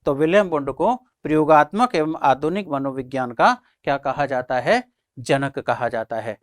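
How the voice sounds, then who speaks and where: A male teacher gives an exam-prep lecture, posing questions and answering them himself, repeating key points, and calling listeners friends and children. His fairly high voice moves at normal speed in a studio-quality recording with no echo.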